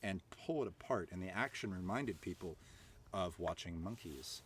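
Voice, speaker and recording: A man with a fairly low voice hosts a live stream in easy, joking chat. He rambles a little, with lots of "uh" and "um" as he talks. There is faint noise behind him. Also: animated, normal speed. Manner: chatty, joking, loose with filler words. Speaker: host of a live stream show. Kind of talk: casual chat.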